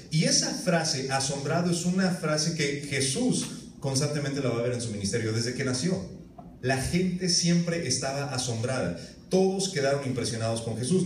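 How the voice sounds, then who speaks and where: A man, preaching a sermon as pastor, telling lively stories and acting out voices. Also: medium pitch, slight background noise. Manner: animated storytelling with acted-out voices. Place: church hall. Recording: echoey church room, mic at a distance.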